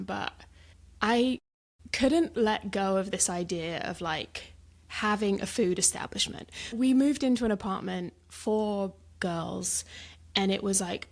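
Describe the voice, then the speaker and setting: A woman in her thirties from the south of England with an English accent, chatting animatedly as an interview guest and laughing often. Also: mid-range voice. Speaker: guest, supper club founder. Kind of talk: casual interview chat.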